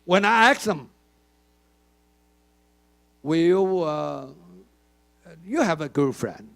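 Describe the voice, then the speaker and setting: Speaking slowly in a slightly high, animated and creaky voice, an older keynote speaker addresses a conference hall. He asks the audience questions, repeats words frequently and speaks emphatically.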